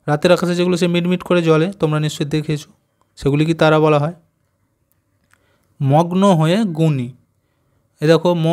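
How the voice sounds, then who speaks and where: A man teaching young children, spelling out letters slowly and often checking whether they have understood. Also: on the high side, a little mellow. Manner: slow, spelling out letters and asking "got it?". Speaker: primary school teacher. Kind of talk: textbook lesson explaining Bengali conjunct letters.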